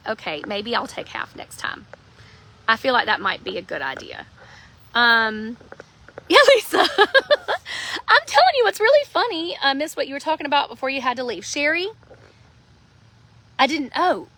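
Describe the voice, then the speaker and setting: Woman livestreaming from her front yard on a phone, high and bright, rambling and giggly. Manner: giggly, rambling, self-mocking. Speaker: livestream host. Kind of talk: rambling live chat. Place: front yard, outdoors, lying in a hammock. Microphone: phone held in hand.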